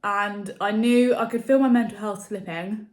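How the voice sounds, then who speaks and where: A woman's voice: mid-range voice, fairly even intonation, moderate pace, darkish tone. A young adult woman chatting casually to camera as a vlogger, rambling with many fillers. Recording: echoey room.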